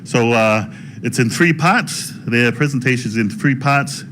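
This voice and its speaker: A man addresses a gathering as its presenter. His voice sits at a medium pitch, and his delivery is informal and halting, doubling back on phrases. The live conference room recording carries some faint noise. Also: fairly bright tone. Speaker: tourism authority presenter introducing speakers. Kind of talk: informal public address at a launch event.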